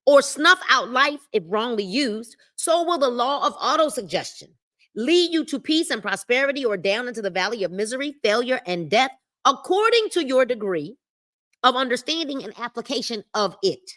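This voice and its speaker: A bright, lively woman with a fairly high pitch and normal speed leads a book club on a live stream. Reading a self-help book aloud with commentary, she's emphatic, repeats key phrases, and speaks to the chat through a livestream mic.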